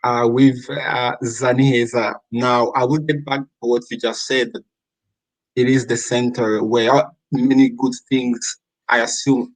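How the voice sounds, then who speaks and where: A man hosting an interview, asking questions slowly with frequent fillers. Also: medium pitch, rough recording. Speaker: interview host.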